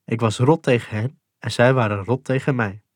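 A man calmly reading a first-person memoir in a measured, sober way. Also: mid-range voice, dry recording, clean studio sound. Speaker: narrator. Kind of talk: scripted memoir narration.

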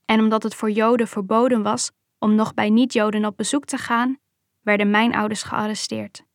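A woman reading a first-person memoir aloud in a calm, measured storytelling manner. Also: medium pitch, no echo, clean studio sound.

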